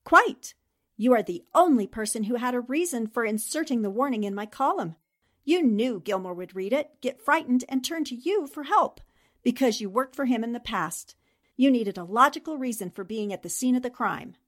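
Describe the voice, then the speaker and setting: The role is a composed, astute columnist turned amateur detective in a radio drama, delivered in a deliberate storytelling manner. She sounds a little high and animated, and her mood is accusing.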